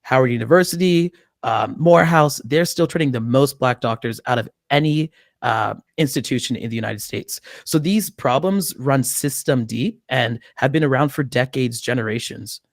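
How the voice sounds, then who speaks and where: A man's voice: medium pitch, moderate pace, hardly any pauses, dry recording. A young man in his twenties, a medical student, talking on a video call through a studio mic. He explains things earnestly and laughs often. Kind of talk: casual interview by video call. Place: small indoor room. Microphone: studio mic with headphones on video call.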